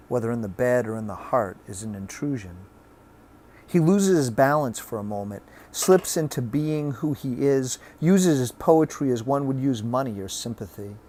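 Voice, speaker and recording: A man's voice: mid-range voice, darkish tone. A man with a Boston accent hosting and reading poetry aloud.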